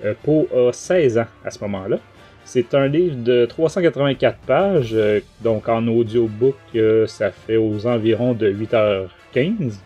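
A Québécois man hosts a podcast where he chats casually about books in a mellow, soft-edged voice. His speech is colloquial and rambling, pitched at an average level, a little slow, and full of hesitations. Faint music plays in the background.

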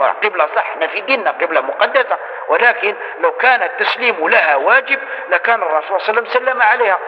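A man with an Algerian accent teaches a religious lesson in a quick, high-pitched voice. He demonstrates as he explains and keeps checking that his listeners follow. The recording is thin and tinny, with a long echo from a large hall.

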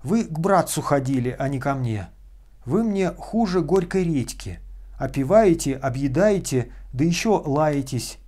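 A man's voice: a little high, animated, unhurried, mellow. A man voicing an exasperated housewife who scolds a freeloading guest. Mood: scolding. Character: widowed housewife, fed up and scolding.

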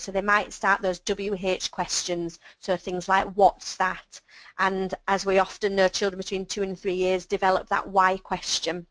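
A woman presenting a webinar on child speech and language, explaining patiently and clearly with simple examples. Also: mid-range voice, dry recording, low-quality recording.

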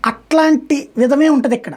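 A woman's voice: high-pitched, a little mellow. A woman speaking as a political analyst guest in a debate, arguing with examples and proverbs. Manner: fast, argumentative, explains with examples and proverbs.

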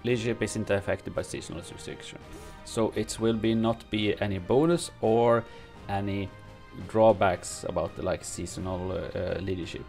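This gaming streamer is a man with a low, gravelly, slightly mellow voice who reads out game update notes and reacts to them in his non-native English. His delivery stumbles along with frequent fillers and restarts, and quiet music can be heard in his home streaming room.

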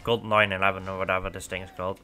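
A young Dutch gaming channel host, speaking English as a second language, rambles through casual let's-play commentary on a shooter, full of fillers and restarts. His deep voice barely moves in pitch and comes out very fast, pushed and bright, over a little hiss or hum.

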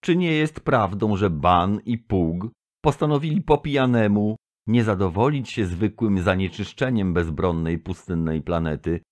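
A booming, stentorian tentacled alien delegate, put on by a man reading an audiobook, orating with grand pomposity. He thunders out accusations in a deep, low register. It sounds like a lofty speech before an assembly. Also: lively intonation, unhurried. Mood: accusing. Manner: pompous oratory, denouncing.

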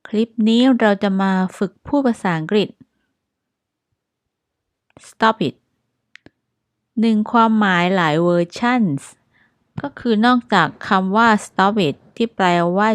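Thai-accented woman, English teacher; unhurried, careful reading of phrases, dry sound. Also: medium pitch, no echo. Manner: reads example sentences very slowly and clearly, twice. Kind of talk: slow English lesson with Thai explanations.

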